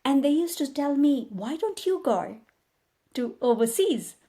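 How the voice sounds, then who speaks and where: A woman in her thirties from India with an Indian accent, a guest migration agent telling her life story in a casual interview, animated and full of quoted dialogue. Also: high voice, a little slow. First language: Tamil.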